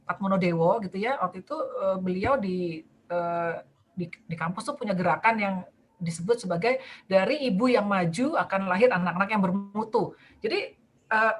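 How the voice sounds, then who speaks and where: A woman's voice: medium pitch, fairly bright tone. A woman guest talking casually in a conversation, full of fillers and acting out bits of dialogue. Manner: chatty with many fillers, acts out quoted dialogue. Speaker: guest speaker.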